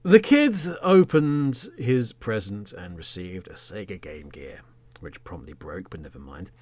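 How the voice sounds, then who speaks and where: In a theatrical solo telling, an Englishman in his thirties who hosts a podcast recounts a story in the third person, hitting words hard and letting phrases drift into a hush. He sounds low-pitched and sing-song, takes his time, and there is no room sound.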